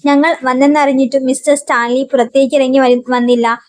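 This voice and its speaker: A woman voicing a genial, smooth-talking male politician in a read-aloud story. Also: sits high, level tone, fairly quick, no echo, natural voice. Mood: jovial.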